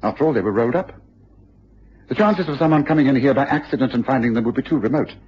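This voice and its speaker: An actor playing Sherlock Holmes-style keen, composed detective in a radio drama, speaking precisely and with deliberate authority. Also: male voice, mid-range voice, slight background noise, close to an everyday voice. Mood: assured, deductive. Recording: dull radio drama broadcast recording.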